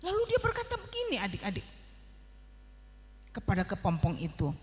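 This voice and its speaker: Animated woman telling a children's story. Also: mid-range voice, a little fast, in a large hall. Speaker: Sunday school teacher. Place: church.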